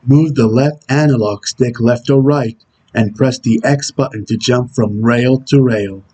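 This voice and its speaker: Husky, stern, brooding game antihero played by a man, medium pitch, delivering terse tutorial instructions. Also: measured pace, dark tone, natural voice, rough recording. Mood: stern, instructional. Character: Shadow, brooding male video game antihero giving tutorial hints. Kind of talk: character impression reading game tutorial instructions.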